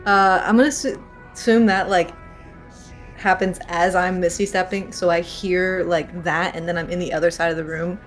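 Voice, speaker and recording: Female tabletop player, lowish voice, hesitant and thinking aloud, faint music. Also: fairly even intonation, moderate pace. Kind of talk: playing a tabletop game.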